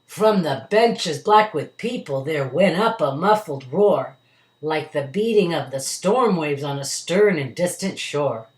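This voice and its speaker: A woman's voice: sits low, lively intonation, measured pace. A woman reading a verse story aloud to children with dramatic, emphatic delivery, recorded indoors at home. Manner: dramatic, emphatic delivery with acted character voices. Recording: roomy, echoey home recording.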